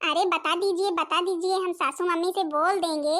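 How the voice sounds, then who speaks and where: Sugary younger bahu, coaxing, very high voice. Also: female voice, steady tone, normal speed, fairly bright tone. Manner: coaxing, ingratiating. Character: sweet-talking younger daughter-in-law, eager to please. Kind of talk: cartoon comedy voice acting.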